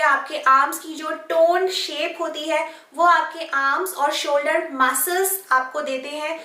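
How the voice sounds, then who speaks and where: A high-pitched woman with a bright, forceful voice gives earnest, encouraging fitness advice to camera, slipping often into English phrases. She sounds set back from the mic in an echoey room. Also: recorded from a distance. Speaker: fitness vlogger. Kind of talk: instructional fitness talk to camera.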